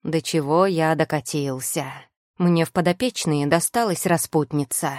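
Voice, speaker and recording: A woman voicing a grumpy, loud-mouthed male furry familiar creature who scolds and yells indignantly. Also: deep voice, moderate pace, no echo, studio quality, natural voice. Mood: grumbling, indignant.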